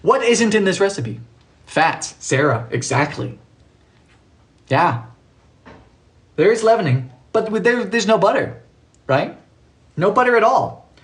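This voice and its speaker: A man's voice: high-pitched, very animated, measured pace, long pauses. A man hosting a live baking stream from his kitchen, chatting casually with viewers, playful and joking, laughing often. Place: home kitchen.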